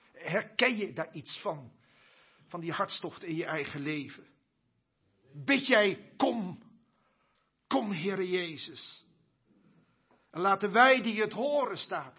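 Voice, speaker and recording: A man with a high voice preaches slowly and deliberately, earnest and at times fervent. The recording sounds dull and lo-fi. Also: husky. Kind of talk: sermon.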